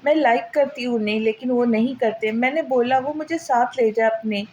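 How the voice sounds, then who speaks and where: A woman's voice: on the high side, moderate pace, darkish tone, dull audio, a little hiss or hum, lightly acted. A woman voicing a stubborn, tearful nineteen-year-old girl in love.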